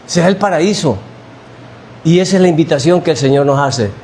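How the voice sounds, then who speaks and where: Male preacher, high-pitched, quizzes his flock and repeats himself, light background noise. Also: a little fast. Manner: animated, asks the congregation questions and repeats phrases. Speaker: pastor. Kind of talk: sermon. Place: church.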